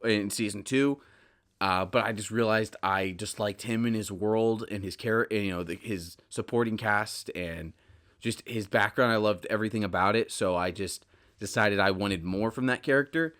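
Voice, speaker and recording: A man's voice: lowish voice, moderate pace, fairly bright tone. A man hosting his own podcast, talking casually and earnestly with many restarts. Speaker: podcast host. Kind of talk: casual solo podcast talk.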